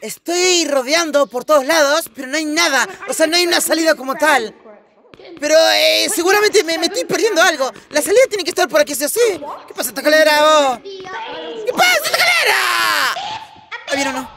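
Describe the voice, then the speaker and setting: A man giving casual, excitable commentary while playing a VR game, laughing often and shouting at the game. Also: very high-pitched, fast talker, crowd noise. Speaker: gamer.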